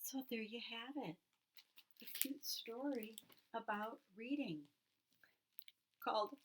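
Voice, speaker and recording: A woman teacher reading a children's picture book aloud in an expressive storytelling way. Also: a little high, slow, noisy background.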